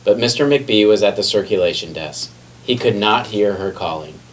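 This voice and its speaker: With a fairly low voice at normal speed, a man tells a story from a children's picture book, reading expressively and occasionally tripping over words before fixing them. A faraway microphone records him along with a little background noise.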